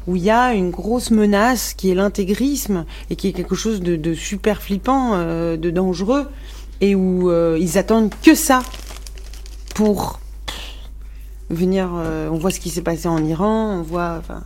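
A woman's voice: fairly low pitch, measured pace, darkish tone. A woman from Morocco, speaking frankly as a musician guest in a radio interview, with many restarts and fillers.

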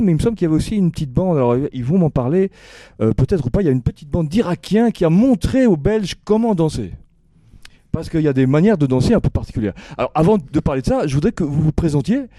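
A man's voice: fairly high pitch, mellow, no echo. A man hosting a casual festival radio interview, improvising with hesitations and encouraging his guests.

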